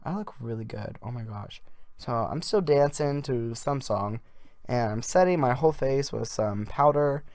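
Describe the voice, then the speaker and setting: A man's voice: medium pitch, measured pace, a little mellow, dry recording, clean studio sound. A man doing a casual improvised voiceover as a makeup vlogger, rambling in an offhand, jokey way.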